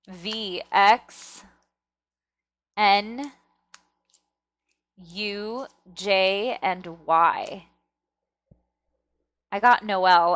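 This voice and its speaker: A woman, a tarot reader and video host, runs a casual pick-a-card reading, chatting with viewers and checking in often. Her mid-range, fairly bright voice has slightly thick-tongued, stumbling articulation, with no echo.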